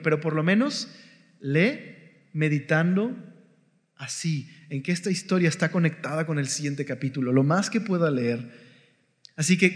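Man teaching the Bible in a reverberant hall. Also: on the high side. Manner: conversational, keeps checking in with the listener.

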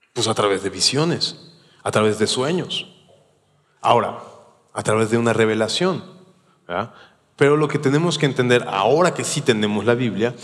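A man with a Mexican accent teaching through a Bible passage in a casual, conversational way, often tagging his points with rhetorical questions. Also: medium pitch. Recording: long hall reverb.

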